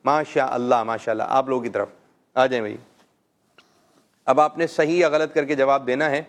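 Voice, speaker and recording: Gentle coaxing male kids' show host. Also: mid-range voice, steady tone. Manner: gentle, coaxing questions, frequent "mashallah". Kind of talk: teaching children, live call-in show.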